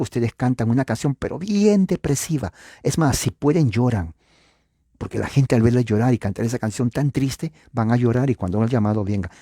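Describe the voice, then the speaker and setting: A man with a mellow, mid-range voice teaches church history in an informal lecture, speaking directly to viewers. He poses rhetorical questions and uses frequent filler sounds. The recording is dry and studio quality.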